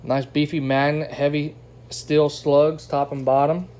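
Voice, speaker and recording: A man whose voice is a little high and a little mellow speaks at a measured pace with flat delivery. He hosts a product unboxing and test video, chatting casually in an enthusiastic, slangy, folksy way, recorded noisily on a phone camera's built-in mic.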